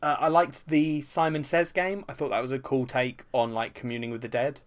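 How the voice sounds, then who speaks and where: A man co-hosting a casual film podcast, animated and prone to imitating sound effects, swearing freely. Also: mid-range voice, brisk. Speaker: podcast co-host.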